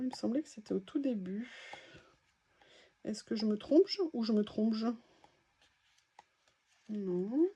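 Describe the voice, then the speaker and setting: A woman's voice: on the high side, warm tone, slightly rough. A woman vlogger chatting casually through a craft haul, exclaiming as she reacts to each item.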